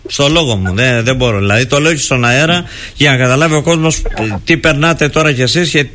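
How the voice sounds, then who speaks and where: A male radio host talks with a guest live on air, sympathetic and calming. His voice is mid-pitched with a bright, forward edge. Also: a little hiss or hum. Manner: sympathetic, soothing.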